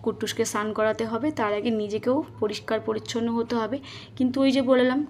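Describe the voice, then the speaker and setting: A woman's voice: on the high side, a little mellow, slight background noise. A woman, narrating her daily housework in a casual home vlog and talking straight to her viewers. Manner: chatty, talks straight to viewers while doing chores. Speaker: home vlogger. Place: at home, kitchen and rooftop.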